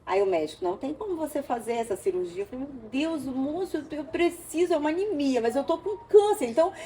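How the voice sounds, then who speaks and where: A woman from Brazil, an interview guest, telling an emotional personal story with animated storytelling and acted-out dialogue. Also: high-pitched, fast, a little hiss or hum.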